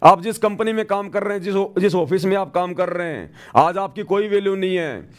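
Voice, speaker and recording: A man's voice: high voice, fairly quick. A man preaching a devotional sermon to brothers and sisters in an earnest tone, now and then acting out the people he quotes.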